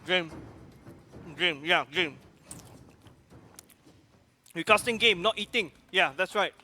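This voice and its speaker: A man's voice: high voice, takes it slowly, pushed and bright, faint music behind. A man casting an esports match in a casual, chatty way, playful and rambling as his attention wanders. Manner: playful, rambling, easily distracted. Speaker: esports caster.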